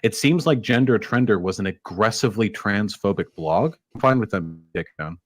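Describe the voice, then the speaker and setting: A man with a fairly deep voice and a dry recording argues in an online debate. His delivery is firm and blunt, stating flat contradictions. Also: normal speed, no room sound. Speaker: debate participant.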